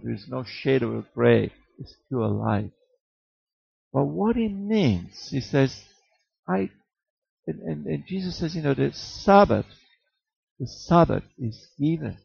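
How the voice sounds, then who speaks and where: A man delivers a sermon in a gravelly, fry-edged voice, piling up phrases and asking rhetorical questions. The recording is dry and a little muffled, with no room sound. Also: mid-range voice, expressive, unhurried, pauses often, a little mellow, no echo. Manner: rhetorical, repeats words for emphasis, jokes with chuckles. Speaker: preacher.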